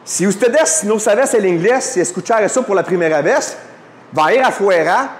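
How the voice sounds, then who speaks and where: A man's voice: sits high, expressive, moderate pace, a little hiss or hum. A man teaching a Bible class to a live audience, often checking in with questions and slipping in English fillers. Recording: echoey hall.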